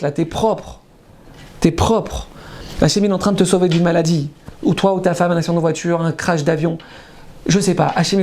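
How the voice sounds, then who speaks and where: A man who is a rabbi preaching a passionate sermon, repeating himself for emphasis and swinging from loud exclamations to low murmurs. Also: a little hiss or hum. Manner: emphatic and repetitive, often calling out to listeners. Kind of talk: impassioned sermon.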